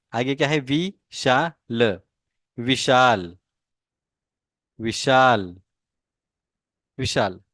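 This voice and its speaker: A man with a Marathi accent, teaching an online language lesson and reading out each word slowly, several times over, for students to repeat. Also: medium pitch, fairly bright tone, no echo. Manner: slow, drawn-out repetition of each word for students to copy.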